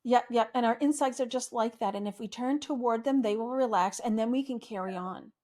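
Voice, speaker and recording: A woman therapist in a podcast interview, speaking in a gentle, soothing, reflective way. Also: a little high, fairly quick.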